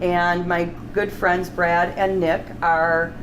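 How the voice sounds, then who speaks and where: Speaking slowly in a lowish, level voice, a middle-aged woman presents her cooking show off the cuff, chatty and eager. She's indoors in a restaurant kitchen, and the clip carries obvious kitchen noise.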